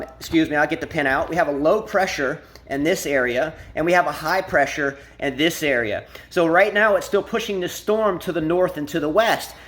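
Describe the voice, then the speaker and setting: A man's voice: a little high, fairly bright tone. A man giving a casual live weather update, explaining things to viewers as a storm-tracking vlogger. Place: out and about on a coastal island, partly in a vehicle, then at his house.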